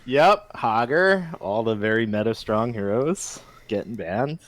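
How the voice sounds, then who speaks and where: A man co-casts a live esports match with a relaxed, wry delivery. His voice is middling in pitch and plain. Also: unhurried. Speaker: esports co-caster.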